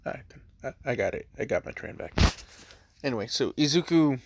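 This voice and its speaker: This man's medium-pitched voice is expressive and moves at a normal speed, with heavy background noise behind it. He tells a fan story in a loose, wandering way, packed with "like," with occasional swearing and bites of food mid-sentence.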